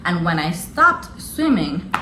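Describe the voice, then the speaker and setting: A woman's voice: on the low side, big pitch swings, slow, roomy sound, very noisy. A young adult woman telling a story in a casual, slangy way and laughing often as she goes. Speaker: vlogger.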